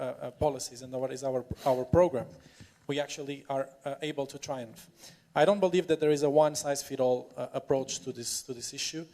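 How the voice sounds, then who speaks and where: A man giving a semi-improvised conference speech, halting and repeating words, yet emphatic. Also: fairly high pitch, a little mellow. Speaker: political panel speaker.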